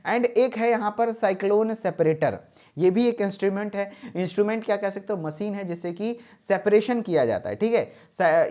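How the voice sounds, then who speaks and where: A man's voice: high voice, a little mellow. Emphatic man teaching pharmacy. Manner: repetitive, emphatic, checks in with "ठीक है". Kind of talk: exam-tips lecture.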